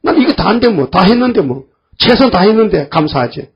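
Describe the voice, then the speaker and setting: Husky high-voiced older preacher, folksy. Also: male voice, sing-song, fairly quick. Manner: folksy, scolding, acts out voices of biblical figures. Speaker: pastor. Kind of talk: sermon. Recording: dull lo-fi church recording.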